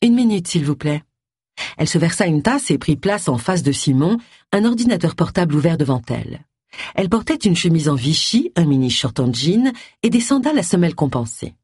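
A woman narrating an audiobook in a steady, measured way, with a husky voice. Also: sits low, no room sound, clean studio sound.

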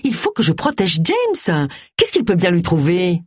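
Brusque jealous middle-aged woman, indignant, slightly husky, read by an audiobook narrator. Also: mid-range voice, wildly swooping pitch, measured pace, dry recording, clean studio sound, full character voice. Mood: sharp. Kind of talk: audiobook character voice.

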